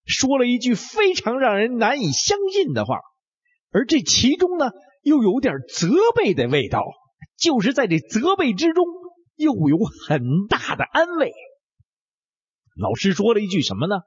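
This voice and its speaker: Man, high lively voice, husky, dramatic Bible storytelling, dull lo-fi recording. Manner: animated, swings between whispers and exclamations.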